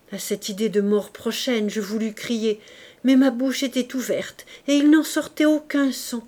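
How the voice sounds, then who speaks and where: An audiobook reader with a medium-pitched voice reads a classic novel aloud in the first person. Her delivery is tense and dramatic, sometimes sinking to a hushed whisper.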